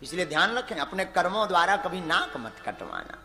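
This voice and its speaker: A man preaches, his high, bright voice leaping up and down as he dramatizes a devotional tale and breaks into chanted verse. It rings through a large echoing hall, with soft music playing underneath. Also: big pitch swings, brisk. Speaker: religious storyteller. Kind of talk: devotional sermon storytelling. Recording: echoey hall with music behind.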